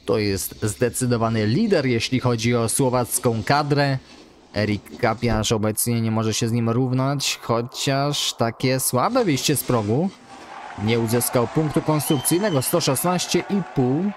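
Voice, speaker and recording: Excitable male play-by-play commentator. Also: mid-range voice, a little slow, slight background noise. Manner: excitable, rising loud on big jumps. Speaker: game commentator. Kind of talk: sports-style play-by-play commentary.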